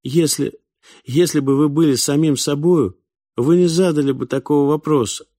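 A man's voice: on the high side, mellow, no echo, studio quality, pitched above the performer's own voice, lightly acted. A man voicing an earnest young boy from another planet who explains things in a plaintive, eager way. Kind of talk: audiobook character voice.

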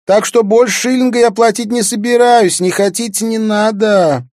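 A man's voice: high-pitched, moderate pace, a little mellow, no room sound, clean studio sound, pitched above the performer's own voice, close to an everyday voice. A man voicing a brash young ragged girl haggling over the price of lessons, cheeky and defiant.

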